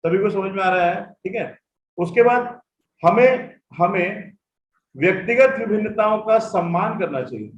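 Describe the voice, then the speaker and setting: A man's voice: high-pitched, measured pace. A man teaching an online class, who repeats key points and keeps checking whether his students follow. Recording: echoey room, dull audio, faint noise.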